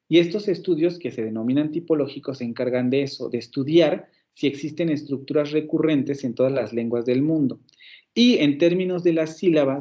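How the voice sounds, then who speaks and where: A man's voice: on the high side, mellow, dull audio. A man with a Mexican Spanish accent giving an online university phonetics lecture, explaining step by step with fillers and self-corrections.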